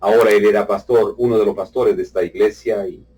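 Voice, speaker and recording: A husky man preaching a testimony sermon, his voice rising in fervent bursts and dropping to hushed tones. The mic sits some distance away, so he sounds a little removed. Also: fairly low pitch, steady tone, a little fast. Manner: fervent, swinging between loud outbursts and hushed tones.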